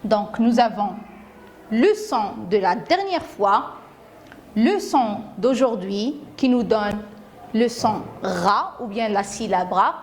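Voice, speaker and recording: Woman, primary school teacher, phonics lesson for children, very slow, clear syllable-by-syllable enunciation, faint background noise. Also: fairly high pitch, lively intonation. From Morocco. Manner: slow, careful enunciation, splitting words into syllables and repeating each word.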